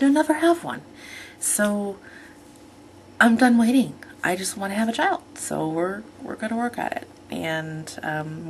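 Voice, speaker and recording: Woman in her thirties, low gravelly voice, rambling casual vlog talk, faint hiss behind. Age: 30s. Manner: rambling, chatty, self-correcting. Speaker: vlogger.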